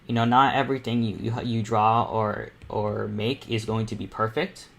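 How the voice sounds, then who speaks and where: A young man in his teens or early twenties narrates a live art tutorial while painting, acting as panel host and self-taught artist. His lowish voice is steady and a bit bright, with vocal fry, at a normal pace. He rambles a little and repeats himself, keeping things informal and encouraging.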